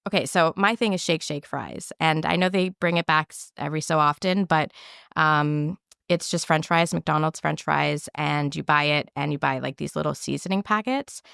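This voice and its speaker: A woman's voice: deep voice, normal speed, vocal fry, a bit bright, clean tone, no room sound, studio quality. A woman in her forties who grew up in Hong Kong, chatting as a podcast guest with lots of fillers. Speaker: guest, food writer and former restaurant inspector. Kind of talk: casual interview chat.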